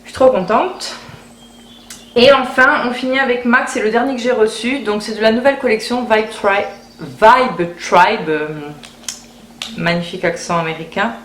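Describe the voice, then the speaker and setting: A woman's voice: fairly high pitch, normal speed, a bit bright. A woman chatting casually through a beauty haul video, often repeating words as she thinks aloud. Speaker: beauty vlogger. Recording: roomy echo, faint background hiss.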